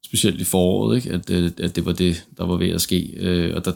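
A man's voice: low voice, fairly even intonation, gravelly, darkish tone. A man hosting a casual football discussion, tentatively circling around his points. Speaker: football podcast host.

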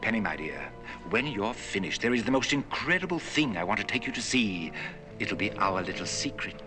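An actor playing a scheming, pompous stowaway in a 1960s TV drama, with a theatrical, oily and flowery way of talking. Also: male voice, lowish voice, big pitch swings, moderate pace, music in the background. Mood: wheedling. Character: scheming, pompous older male space stowaway.

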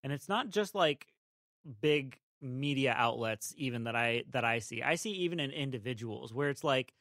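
A man's voice: mid-range voice, lively intonation, normal speed, fairly bright tone, no echo, clean studio sound. A man co-hosting a faith-based podcast, thoughtful and affirming, guiding the talk with questions. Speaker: podcast co-host, interviewer.

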